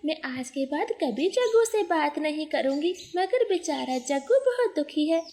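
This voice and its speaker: A sweet young sparrow girl from a cartoon speaks softly in a high, gentle voice, as a woman voices her. She sounds kind and earnest. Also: animated, moderate pace, slight background noise.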